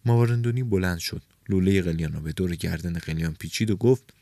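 A man narrating a novel, raising his voice to act out the dialogue. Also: dry recording. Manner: reads dialogue with raised pitch and shouts for characters. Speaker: audiobook narrator.

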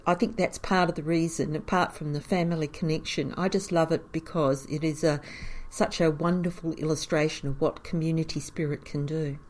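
A woman's voice: sits low, brisk, few pauses, a little hiss or hum. A woman, caretaker of a historic cottage, telling its story with enthusiasm and frequent chuckles. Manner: animated storyteller, chuckles often. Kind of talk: storytelling in an interview.

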